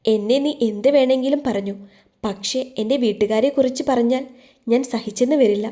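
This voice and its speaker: Woman reading a curt stubborn young husband in a storybook, mellow voice. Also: fairly high pitch, brisk, natural voice. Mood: stern. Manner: firm, curt.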